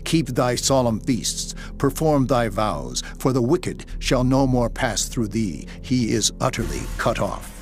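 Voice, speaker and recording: A man's voice: medium pitch, expressive, a little slow, few pauses. A man giving a dramatized scripture narration in a solemn, declamatory way. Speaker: Bible narrator. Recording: music behind the voice. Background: background music.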